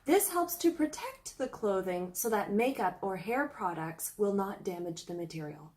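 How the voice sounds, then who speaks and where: A woman's voice: medium pitch, lively intonation, normal speed, a little mellow, a little hiss or hum. A young woman from Canada narrating a scripted travel vlog, reading out a countdown list in an upbeat, explanatory way. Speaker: travel vlogger.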